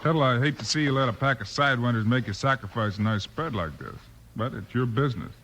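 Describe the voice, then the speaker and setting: An actor playing a steady, commanding American lawman of the Wild West in a 1950s radio western. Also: mid-range voice, quick pace. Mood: businesslike. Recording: muffled old radio recording, light noise.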